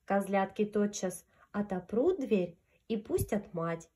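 A woman's voice: mid-range voice, lively intonation, takes it slowly, dark tone, slightly rough. A woman reading a fairy tale aloud to young children in a sing-song storyteller's manner. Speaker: children's storyteller fronting a puppet.

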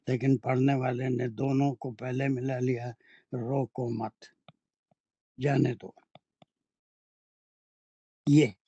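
A man teaching Quranic Arabic grammar in a classroom lecture, explaining slowly and deliberately with anecdotes. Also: mid-range voice, warm tone, breathy edge, no room sound, muffled recording.

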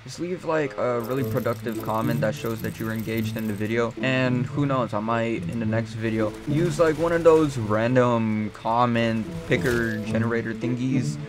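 A man's voice: mid-range voice, steady tone, normal speed, few pauses. A young man giving casual gaming commentary in a slangy, rambling, conversational way. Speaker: gaming video creator and streamer. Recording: music behind the voice. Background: background music.

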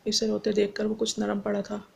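A woman narrating a romance novel in a steady storytelling voice. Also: mid-range voice, a little fast, vocal fry, a little hiss or hum. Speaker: audiobook narrator. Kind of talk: novel reading.

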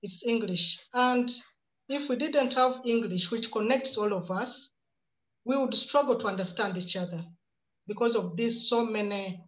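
A Ugandan woman writer in her fifties, with a fairly high-pitched voice, answers a panel question on a video call from a home room lined with bookshelves. She's measured and reflective, repeating words as she thinks, and her laptop camera audio sounds muffled.

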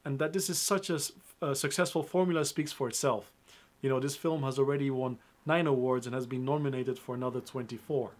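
A man's voice: mid-range voice, fairly even intonation, brisk. A young man presenting a film review to camera in an upbeat, emphatic way, speaking straight to his viewers.

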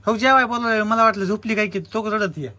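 Bright high-voiced man coaxing gently. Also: a little fast. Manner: gently coaxing, asks again and again. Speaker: husband and vlogger. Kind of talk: casual family vlog.

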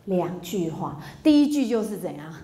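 Her voice medium in pitch and her pace normal, this woman in her fifties delivers a public talk on relationships in a Taiwanese Mandarin accent. The sound is roomy as she laughs a lot, performs dialogue and shares personal anecdotes in a lively way.

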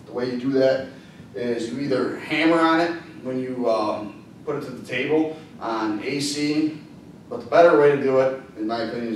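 A man's voice: medium pitch, slight background noise. A man in his thirties teaching welding at a whiteboard, talking casually with plenty of ums and uhs. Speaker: welding instructor. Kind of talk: classroom lecture. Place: classroom at a whiteboard. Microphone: far camera. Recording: echoey classroom from far off.

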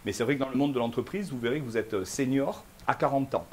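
A man speaking fast at a live conference keynote, pitch right in the middle of the range, firing questions at the crowd as he goes. A faint hiss of noise sits under his voice in the room. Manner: fast, lively, addresses the audience directly with questions. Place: conference room before an audience.

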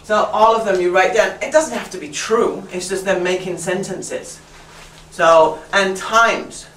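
A woman leading a teacher training workshop, brisk and chatty, who keeps checking in with "right?". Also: medium pitch, steady tone, a bit bright, a little hiss or hum. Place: classroom. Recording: roomy classroom from far off.

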